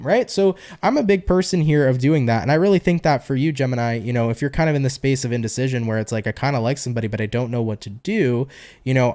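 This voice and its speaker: Speaking with a New York accent, this tarot reader and online host from New York, USA runs a laid-back reading, slangy and talkative, cursing casually along the way. His male voice is medium-pitched and a little mellow.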